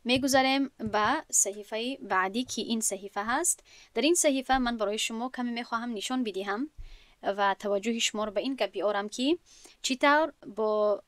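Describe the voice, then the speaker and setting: A woman's voice: on the high side, a bit bright, no echo. A woman with a Tajik accent teaching an Arabic grammar lesson, methodically reciting conjugation tables aloud.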